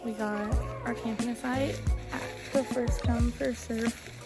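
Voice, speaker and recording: A woman's voice: on the high side, steady tone, slow pace, over loud music, low-quality recording. A young woman narrating a casual road trip vlog, chatty and leaning on filler words. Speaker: travel vlogger. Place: road trip, in a car and at a campsite outdoors.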